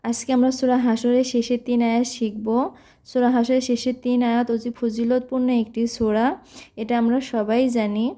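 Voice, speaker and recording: A woman teaching Quran recitation, patiently explaining pronunciation step by step and chanting each verse slowly. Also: fairly high pitch, flat delivery, mellow. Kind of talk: slow recitation lesson with drawn-out chanting.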